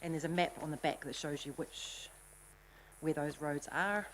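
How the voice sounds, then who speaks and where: A woman's voice: deep voice, normal speed, slight background noise, low-quality recording. Breathless New Zealand woman presenting. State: slightly out of breath. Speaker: council staff presenter. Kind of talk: meeting presentation.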